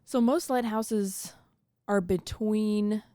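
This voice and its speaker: A woman's voice: medium pitch, steady tone, warm tone, no echo. A young woman co-hosting a podcast in a studio, chatting casually and explaining things with lots of "like" fillers. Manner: chatty, with fillers like "like" and quick laughs. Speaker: podcast co-host. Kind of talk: casual chat.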